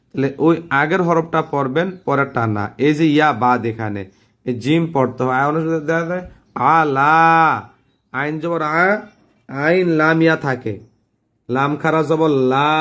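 Slow, patient male tajweed teacher. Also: medium pitch. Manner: patient, spells out letters and vowel marks step by step; asks the class to repeat after him. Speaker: Quran recitation teacher. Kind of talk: tajweed lesson with slow drawn-out recitation.

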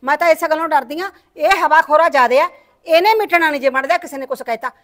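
A middle-aged woman playing a nagging village mother and wife who scolds her husband and frets over her daughter's wedding. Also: a bit bright. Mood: worried. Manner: scolding, rapid and shrill.

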